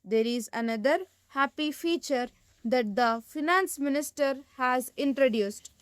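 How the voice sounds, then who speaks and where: A woman reading dictation for shorthand practice in deliberate, measured phrases with pauses between them. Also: sits high, clean tone, dry recording.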